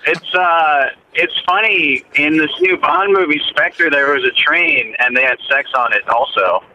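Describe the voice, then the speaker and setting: A man calling in to a radio show over the phone while driving his car on the highway. He talks in a hesitant, laid-back way and fills his sentences with "uh.". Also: measured pace, pushed and bright. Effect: calling in over a phone line. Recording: muffled phone call with faint road noise.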